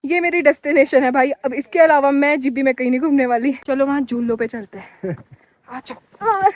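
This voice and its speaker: A young woman with a Pahari-accented Hindi voice, pitched high, chats straight to her viewers in a lively travel vlog. She talks outdoors on a snowy mountain pass, recorded on a handheld camera, and sounds a little short of breath from the altitude. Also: moderate pace, no echo. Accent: Pahari-tinged Hindi. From Himachal Pradesh, India. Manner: chatty and excitable, addressing viewers directly. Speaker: solo motorcycle travel vlogger.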